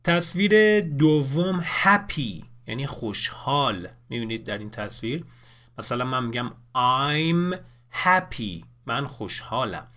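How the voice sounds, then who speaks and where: A man teaching English in a recorded lesson, explaining clearly in Persian and saying the English words slowly. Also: medium pitch, very animated, sharp tone.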